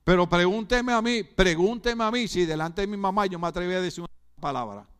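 A man's voice: high-pitched, brisk, a bit bright, clean tone. A middle-aged Puerto Rican man preaching a sermon, throwing rhetorical questions at the congregation with humorous asides. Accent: Puerto Rican Spanish. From Puerto Rico. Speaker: pastor.

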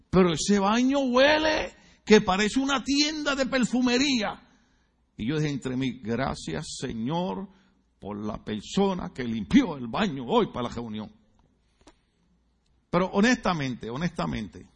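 Gravelly high-voiced male pastor preaching. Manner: humorous, teasing the congregation; asks the congregation questions. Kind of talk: sermon. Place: church sanctuary.

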